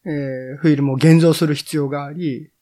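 A middle-aged man talking as a podcast guest, reminiscing in an unhurried way with many drawn-out fillers. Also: fairly high pitch, fairly even intonation, warm tone. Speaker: guest, editor and cycling journalist. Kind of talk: casual podcast conversation.

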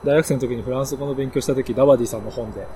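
A man's voice: mid-range voice, fairly even intonation, very fast, warm tone, slight background noise. A man in his thirties co-hosting a podcast, chatting casually and laughing easily, recorded in a hotel room. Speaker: podcast co-host. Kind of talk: casual chat.

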